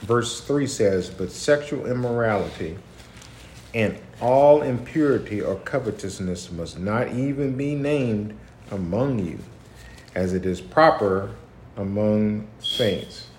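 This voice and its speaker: A man with a lowish voice leads a home Bible study livestream. He reads scripture in a slow, deliberate way with emphasis. The room sounds echoey, with faint noise behind him. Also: animated, darkish tone. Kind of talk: casual livestream chat and scripture reading.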